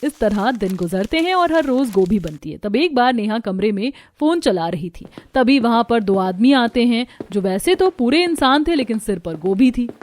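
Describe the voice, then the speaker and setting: A woman narrating a cartoon story in a plain, steady scripted style. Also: fairly high pitch, moderate pace, hardly any pauses.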